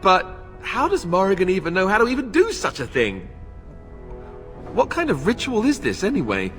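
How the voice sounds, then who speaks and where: A man's voice: sits high, huge pitch swings, moderate pace, fairly bright tone, soft background music, heavily acted. An actor playing a boyish, sarcastic young king-to-be in a fantasy game, joking and exasperated, in a reverberant space. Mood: stunned, disbelieving. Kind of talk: dramatic fantasy game dialogue. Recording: long reverberant hall echo.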